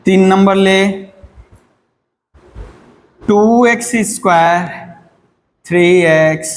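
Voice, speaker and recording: A man's voice: sits high, big-room sound. A man teaching a maths lesson to students, asking them questions and answering them himself.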